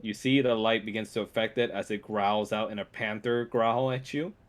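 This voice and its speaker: A man narrating a tabletop role-playing game as game master in an informal, halting way. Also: fairly low pitch, steady tone.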